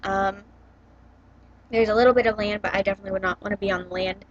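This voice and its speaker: Speaking fast in a steady, medium-pitched voice, a young woman talks casually about books from home, hesitating often with lots of ums and likes. The book vlogger's laptop webcam mic produces dull, lo-fi sound.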